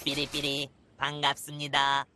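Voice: medium pitch, monotone, a little slow, over loud music, natural voice. A voice actor playing a little robot in a children's cartoon, speaking in a robotic, beeping way. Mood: chirpy.

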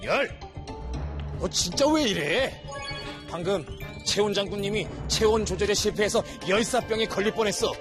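A man's voice: high-pitched, normal speed, over music, natural voice. A man playing a general's fussy, deferential aide who also likes to scold, in a children's cartoon. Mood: flustered scolding. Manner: obsequious to superior, scolding to others. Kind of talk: children's educational cartoon acting.

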